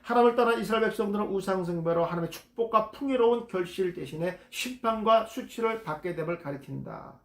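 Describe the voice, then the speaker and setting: A man's voice: sits high, fast talker, vocal fry, few pauses, reverberant. A man leading a Bible study lecture, reading passages aloud and explaining words, often repeating key terms. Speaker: Bible teacher.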